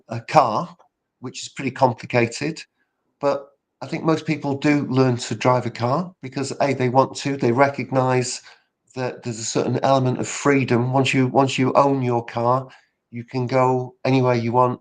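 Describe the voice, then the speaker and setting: A man who coaches public speaking, answering in an earnest, conversational way with everyday examples, fillers and restarts, over a video call. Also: mid-range voice.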